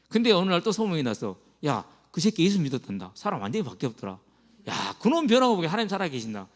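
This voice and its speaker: A man's voice: high-pitched, fairly bright tone, long reverb tail. A man, a pastor preaching to students in a colloquial storytelling way, full of acted quotes and slang. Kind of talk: sermon to students. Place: church sanctuary.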